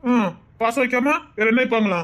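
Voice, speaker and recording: An actor voices a scheming young man from a Tamil web drama, speaking in a Tirunelveli accent. He wheedles and presses, always circling back to make sure he is understood. His tone is hushed and close, barely above a murmur. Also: extremely high pitch, normal speed. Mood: sweet-talking. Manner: coaxing, insistent, keeps asking 'understand?'. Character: smooth-talking young man, manipulative, greedy blackmailer. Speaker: scheming boyfriend on a phone call.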